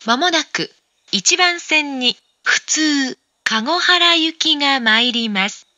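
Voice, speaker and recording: A woman making formal, scripted train station announcements in a measured, carefully enunciated way. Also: sits high, lively intonation, pushed and bright.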